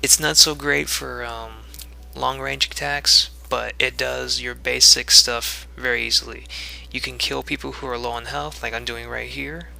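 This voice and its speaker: A man's voice: medium pitch, steady tone, measured pace, gravelly, pushed and bright. A young man giving casual commentary on his own gameplay video, rambling with many fillers and restarts and a little out of breath.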